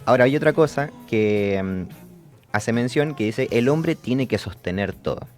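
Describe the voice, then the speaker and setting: A man hosting a psychology discussion, pausing often with fillers and restarts. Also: medium pitch, animated, a little mellow, soft background music. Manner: hesitant, many fillers and restarts. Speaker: podcast host.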